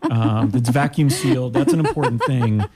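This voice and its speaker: A man's voice: mid-range voice, huge pitch swings, moderate pace, crowd noise. A man being interviewed, explaining his hobby in a casual, easygoing way with dry humor. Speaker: interview guest, typewriter hobbyist.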